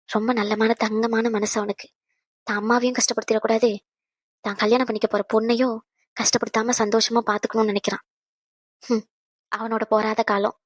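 A woman voicing a soft-hearted, middle-aged mother of the bride in a cartoon drama, who speaks in a soothing, pleading way. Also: a little high, slightly rough, no echo, studio quality. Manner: soothing, then tearful and pleading.

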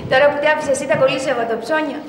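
A woman's voice: high-pitched, fairly even intonation, background noise, lightly acted. An actress playing a young woman eager for her own turn in show business, in 1980s comedy style. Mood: fond. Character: hopeful young woman, would-be performer. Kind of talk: 1980s film comedy acting. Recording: roomy film audio with long reverb.

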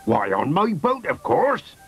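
Man as jolly old sailor, kindly storybook voice, lively pitch. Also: a little slow, heavily acted. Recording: faint music behind.

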